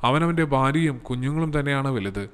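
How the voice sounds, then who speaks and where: A man's voice: mid-range voice, lively intonation, quick pace, a bit bright, clear, resonant tone, lightly acted. A man voicing a distraught young husband whose wife is missing, speaking in a choked, pleading way.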